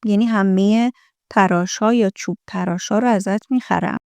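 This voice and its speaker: A woman teaching English from film lines, repeating each line slowly in an American accent and then explaining it. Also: mid-range voice, darkish tone, no room sound.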